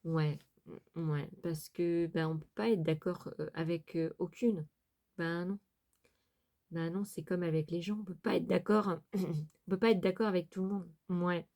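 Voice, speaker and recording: A middle-aged woman from France talks to her craft channel's viewers in a low, mellow voice. She rambles casually, circling back with fillers and restarts. Her tone stays soft and unhurried, never sharp. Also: fairly even intonation. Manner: hesitant, many fillers and restarts, chatty asides. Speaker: sewing and crafts vlogger.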